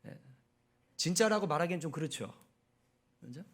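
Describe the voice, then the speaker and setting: Korean pastor preaching with rising emphasis. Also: male voice, a little high, expressive, normal speed, slightly rough. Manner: asks the congregation questions and answers them; builds to loud, emphatic preaching. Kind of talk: sermon.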